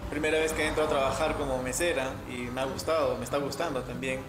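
A man speaking as a sign language interpreter in a calm, measured way. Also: medium pitch, noisy background. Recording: echoey room with music underneath.

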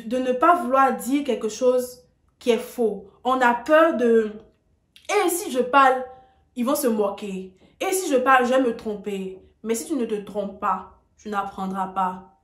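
Emphatic woman teaching in an echoey room. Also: fairly high pitch. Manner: emphatic, direct, speaks straight to viewers. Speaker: English tutor on video. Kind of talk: casual lesson to camera.

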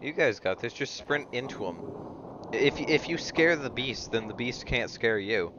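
A man's voice: medium pitch, expressive, measured pace, lo-fi sound, noisy background. A young man making laid-back, wry comments while gaming with friends over voice chat. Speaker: gamer.

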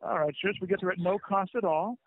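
A plumbing company phone agent with a high voice talks fast, polite and formal in a scripted customer service style. The call sounds tinny and lo-fi, with no echo.

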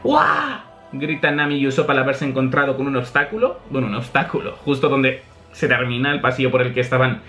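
A man, a manga reaction host talking in a chatty, animated way and laughing often. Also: medium pitch, fast, faint music behind. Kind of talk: casual reaction commentary.

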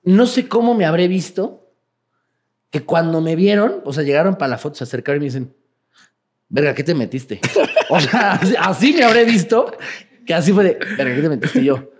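A man with a Mexican accent, telling profane, animated stories as a guest in a casual interview. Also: sits high, a little fast, breathy edge. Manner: profane, animated, laughing while telling anecdotes.

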